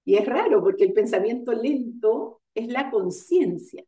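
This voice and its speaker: A woman giving an online lecture on coaching, explaining ideas step by step and pausing with fillers to gather her thoughts. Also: on the high side, animated, warm tone. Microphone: video call. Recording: roomy sound, far from the mic.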